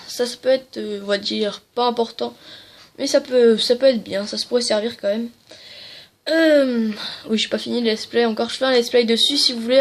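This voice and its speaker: A woman's voice: a little high, a little hiss or hum. A woman hosting a video game channel, giving a casual, rambling game tutorial full of fillers and apologies. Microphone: tablet.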